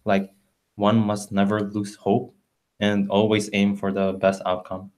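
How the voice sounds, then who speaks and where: A man's voice: fairly low pitch, monotone, measured pace, a little mellow. A young man co-hosting a podcast in casual, slangy talk peppered with "like" and "dude". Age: young adult. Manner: slangy, filler-heavy phrasing with "like" and "dude". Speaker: podcast co-host. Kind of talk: casual chat. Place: library room.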